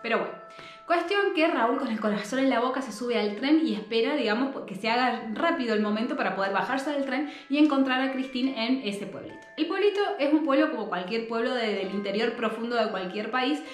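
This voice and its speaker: A chatty woman with a Rioplatense accent retells a classic novel, full of fillers and asides to her viewers. Her voice sits fairly high. The room adds a roomy echo, and faint music plays underneath. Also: brisk. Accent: Rioplatense Spanish. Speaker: book narrator. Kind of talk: casual story retelling.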